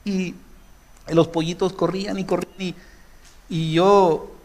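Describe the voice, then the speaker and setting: A man giving an informal sermon to a congregation, telling personal stories with halting restarts. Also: sits high, little pitch movement, darkish tone. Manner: conversational, halting restarts, laughs at his own story. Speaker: preacher.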